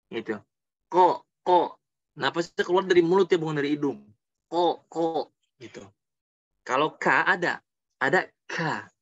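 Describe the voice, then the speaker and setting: A man's voice: a little high, a bit bright, no echo, muffled recording. A man teaching Quran recitation in a casual webinar lesson, repeating letter sounds to demonstrate them. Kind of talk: webinar lesson on tajwid pronunciation.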